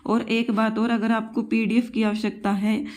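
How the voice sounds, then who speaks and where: A woman's voice: a little high, little pitch movement, moderate pace, a little mellow. Patient woman teaching grammar. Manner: patient, repeats rules and asks the class questions; addresses students as children. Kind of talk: exam-prep grammar lesson.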